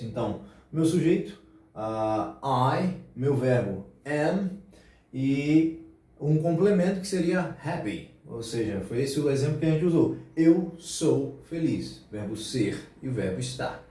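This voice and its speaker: A man's voice: medium pitch, dark tone. Man teaching in an echoey room. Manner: slow, patient, repeats examples. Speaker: English teacher. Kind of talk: explaining grammar lesson. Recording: very echoey room, distant mic.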